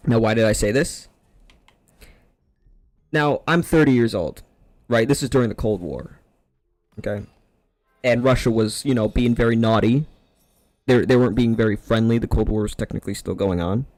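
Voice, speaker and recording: A man's voice: fairly low pitch, creaky, darkish tone, no room sound. A man streaming games while telling a long, profane story in a sarcastic, rambling way. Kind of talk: casual rant over gameplay.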